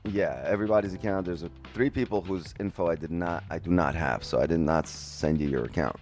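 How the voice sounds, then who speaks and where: A day trading streamer speaks briskly in a low, darkish voice, casually covering his trades on a live stream. He's loose and chatty with his viewers, swears here and there, and is heard on a headset mic with faint music behind him.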